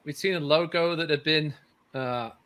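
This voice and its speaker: A man's voice: fairly high pitch, moderate pace, a bit bright. A man hosting a casual rugby talk show, chatty and rambling, with lots of restarts. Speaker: podcast host.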